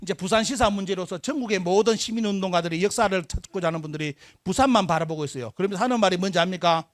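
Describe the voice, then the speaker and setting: A man's voice: high-pitched, very fast. A man giving a live history lecture to an audience, asking rhetorical questions and answering them himself, stressing and drawing out key words.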